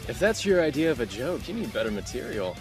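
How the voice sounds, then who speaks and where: A man's voice: medium pitch, big pitch swings, fast, music in the background, close to an everyday voice. A man playing a cocky, blunt teenage boy in an anime dub, speaking casually with a taunting edge. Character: cocky, blunt teenage boy, top-ranked game player.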